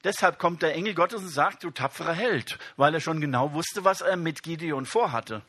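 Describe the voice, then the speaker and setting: A man delivering a sermon, his voice somewhat high and strikingly bright. There is a breathy, husky edge to his tone, and the room sounds dry and close. He turns often to his listeners and reads scripture with emphasis. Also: normal speed. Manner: addresses the congregation directly, reads scripture aloud with emphasis. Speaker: preacher.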